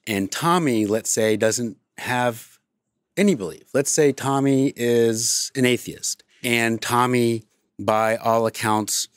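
A man's voice: medium pitch, slow, smooth, dry recording, clean studio sound. A man hosting a podcast, asking the guest probing, skeptical questions. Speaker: podcast host.

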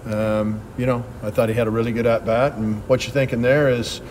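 At a postgame press conference in front of a ballpark press backdrop, a middle-aged head coach answers reporters quickly and bluntly, often restarting sentences mid-thought. His medium-pitched voice is flat and darkish, with a light hum underneath.

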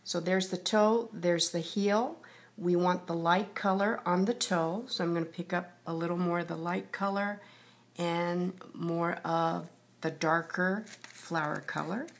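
A woman with a slightly low, husky voice teaches painting in the manner of a TV painting instructor. She talks through each step patiently and unhurriedly as she works. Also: steady tone, measured pace. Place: indoors at a table.

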